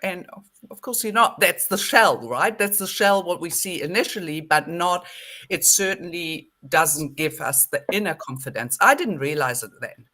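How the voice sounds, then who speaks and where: A woman's voice: lowish voice, lively intonation, moderate pace, sharp tone. German-accented woman in her sixties. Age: 60s. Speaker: podcast guest. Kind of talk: casual interview chat.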